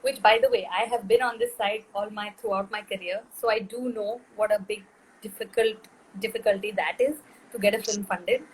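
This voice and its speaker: A middle-aged woman talks as an interview guest, her voice sitting at an ordinary middle pitch. She thinks aloud, restarting phrases and leaning on fillers. A faint noise runs under the recording. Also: steady tone, moderate pace, rough recording. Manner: thoughtful, many fillers and restarts. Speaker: film director, guest. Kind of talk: interview conversation.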